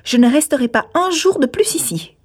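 A woman's voice: high voice, expressive, normal speed, voice pushed up. A woman reading aloud, voicing a proud and determined young lady who speaks curtly and in command. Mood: imperious. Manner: curt and commanding.

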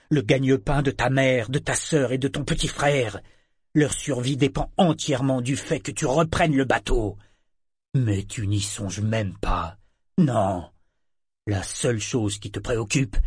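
A man voicing a bitter, domineering father, loud and contemptuous in his anger. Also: mid-range voice, breathy edge, dry recording, clean studio sound, close to an everyday voice. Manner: contemptuous, scornful, shouting in rage. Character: bitter domineering father, furious sea captain.

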